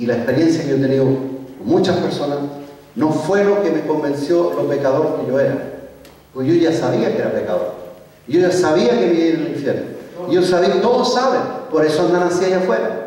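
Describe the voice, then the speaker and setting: In a church hall, a man with a fairly high, warm voice leads an evangelism workshop, teaching conversationally and often repeating or correcting himself mid-sentence. The recording is echoey, with the mic far off.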